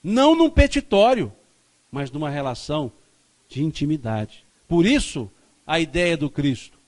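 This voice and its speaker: Male spiritist speaker, emphatic, repeats his points, lively rising and falling delivery. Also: a little high, unhurried. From Minas Gerais, Brazil. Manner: emphatic, repeats key phrases. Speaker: spiritist lecturer. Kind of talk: spiritist lecture. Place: spiritist center lecture hall.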